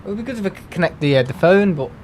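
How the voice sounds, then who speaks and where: This livestream host from England speaks with a Merseyside accent, rambling casually to live viewers with many fillers and restarts. His high-pitched, expressive voice is a little mellow and very fast, with slight background noise.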